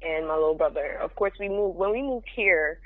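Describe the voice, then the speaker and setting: A woman's voice: on the low side, fairly quick, no room sound. Frank young woman on a phone line. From Jamaica. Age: young adult. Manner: frank, straightforward. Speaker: podcast guest. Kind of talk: casual interview.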